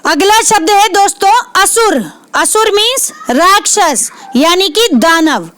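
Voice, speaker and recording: Woman, exam tutor, very high pitch, quizzes herself aloud, repeats words, dry sound. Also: expressive, takes it slowly, fairly bright tone, no room sound. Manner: repeats each word, asks and answers her own questions. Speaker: Hindi literature exam tutor. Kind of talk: exam prep lesson.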